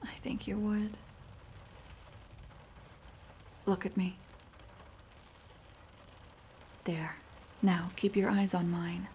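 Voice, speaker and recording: A woman's voice: medium pitch, level tone, slight background noise, natural voice. Woman acting a ASMR role-play temptress, right in your ear. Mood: teasing, commanding. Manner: intimate soft-spoken right in your ear; slow, coaxing, breathy delivery. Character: seductive, teasing, dominant female neighbor.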